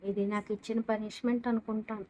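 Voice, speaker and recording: A woman's voice: medium pitch, level tone, fast talker, warm tone, lightly acted. A woman voicing an intense, possessive young husband who speaks sternly and with threats.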